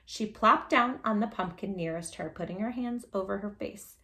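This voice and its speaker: With a medium-pitched voice at a normal speed, a woman hosts storytime, reading a picture book aloud with lots of expression. She's playful and animated, chatting directly with the young children listening.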